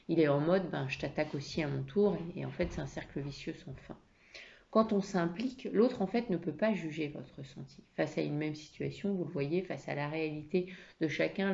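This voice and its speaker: A woman's voice: low voice, vocal fry, darkish tone, muffled recording. A woman coaching on emotions, talking in a conversational way with many fillers and restarts. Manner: conversational, with frequent fillers and repeated words. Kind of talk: explanatory lesson.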